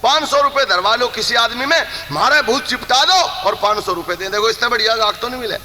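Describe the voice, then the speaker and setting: A man's voice: extremely high pitch, fairly quick, big-room sound, slight background noise, rough recording. A man telling a folk tale and preaching, acting out voices and breaking into sung refrains. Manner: animated, acts out voices and breaks into song. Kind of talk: Haryanvi kissa storytelling with sung refrains.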